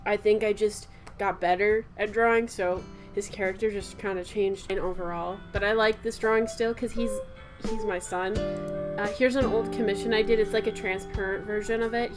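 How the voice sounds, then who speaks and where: A young woman and artist chatting casually about her old drawings, rambling and giggling with lots of fillers and self-corrections. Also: medium pitch. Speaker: artist and channel host. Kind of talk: casual chat reviewing old artwork. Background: faint background music.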